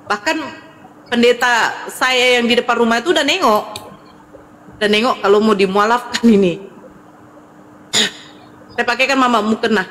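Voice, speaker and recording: A woman's voice: on the high side, moderate pace, pauses often, fairly bright tone, big-room sound, slight background noise. A woman giving a personal testimony, retelling events vividly and acting out her family's words. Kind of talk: emotional personal storytelling.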